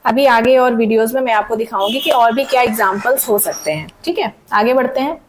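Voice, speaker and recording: A woman teacher with a somewhat high, expressive voice leads an exam-prep lesson mixing Hindi and English, reading each question slowly in English before explaining it and checking in often with "theek hai". A sore throat makes her voice crack now and then. The recording is low quality, with a little hiss or hum.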